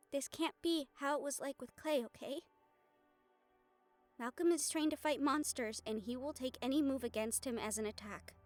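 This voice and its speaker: Playing a protective, guarded young fiancée in a close audio roleplay, this woman talks earnestly and with emphasis, pausing deliberately. Her pitch is high yet near an everyday voice, and she sounds urgent and pleading.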